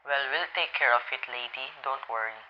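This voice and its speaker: A man's voice: medium pitch, moderate pace, lightly acted. A young man playing an unconcerned, patronizing police sergeant in an amateur radio drama, dismissive and placating. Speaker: student voice actor in a radio play. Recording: dull lo-fi sound, faint noise.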